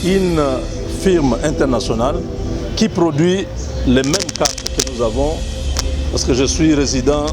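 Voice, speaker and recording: A man's voice: a little high, measured pace. A man in his forties from the Congo, speaking emphatically and repeating his points in a street interview outdoors. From Congo (DRC). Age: 40s. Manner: emphatic, repetitive, patriotic speech-making. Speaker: citizen interviewed on new ID card. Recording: music bed under the voice.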